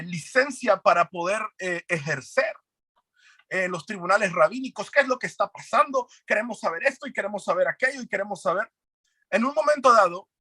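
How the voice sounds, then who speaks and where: A man with a high, bright voice tells his personal testimony as a guest, earnest and serious. He acts out the lines of the people in his story. The sound is dry and close, with no room echo. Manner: earnest, retells events with quoted dialogue.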